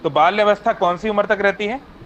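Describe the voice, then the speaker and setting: A man's voice: sits high, fairly quick, fairly bright tone, lo-fi sound, a little hiss or hum. Man teaching a devotional class by phone. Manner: explanatory, asks "है ना?" often, mixes English phrases.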